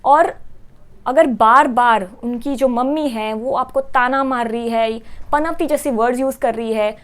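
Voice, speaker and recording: A woman's voice: fairly high pitch, a little slow. A woman giving earnest, emphatic relationship advice straight to the viewer, repeating her key points. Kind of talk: direct-to-camera advice talk.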